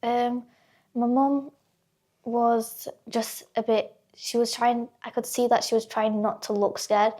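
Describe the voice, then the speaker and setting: A woman's voice: a little high, darkish tone. A teenage girl, a guest telling her stories in casual chat and acting out what people said. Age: teens. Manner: chatty storyteller, acts out quotes, laughs often.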